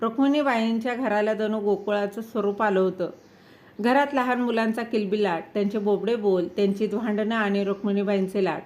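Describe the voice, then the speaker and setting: A woman storyteller reading an emotional story in a dramatic, expressive, scripted narration style. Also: on the high side.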